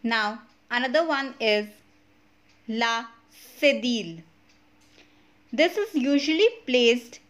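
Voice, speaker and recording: A woman with an Indian English accent gives an online lesson in a high voice. She speaks slowly and walks through each point step by step, checking in with her viewers as she goes. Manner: slow, explains step by step, checks with "okay?". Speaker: French teacher.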